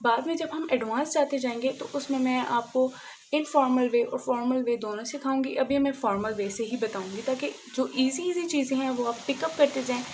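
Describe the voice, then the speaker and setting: A woman teaching a casual beginner language lesson, slowly repeating each sound as she writes it. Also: high voice, darkish tone, slight background noise. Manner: slow, repetitive drilling of sounds while writing. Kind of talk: casual spoken lesson, mixing Hindi-Urdu and English.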